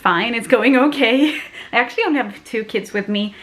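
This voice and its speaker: Her pitch fairly high and her tone fairly bright, this woman speaks at a moderate pace. She's a Swedish family vlogger in her thirties, a native Swedish speaker, laughing often as she chats casually to a handheld camera at arm's length inside her family home.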